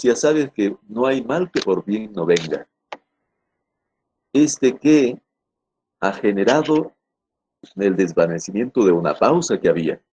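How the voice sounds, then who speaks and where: A middle-aged man gives a recorded grammar lesson in a low, mellow, slightly husky voice. He leans on key words, says the same idea in several ways and keeps asking his students whether they follow. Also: lo-fi sound. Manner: repeats and rephrases points, asks "¿correcto?" to check understanding; deliberate, stresses key words. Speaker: teacher.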